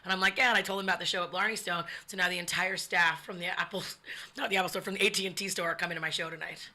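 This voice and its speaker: A woman stand-up comedian telling a funny story in casual chat, animated and swearing freely. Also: on the low side, very fast.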